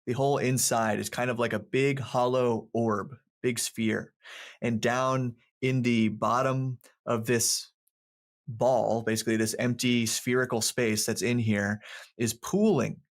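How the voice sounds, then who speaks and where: A man's voice: medium pitch, little pitch movement, measured pace. A man narrating a tabletop game as game master, describing scenes in a rambling way full of fillers and laughs. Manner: laughs often between descriptions.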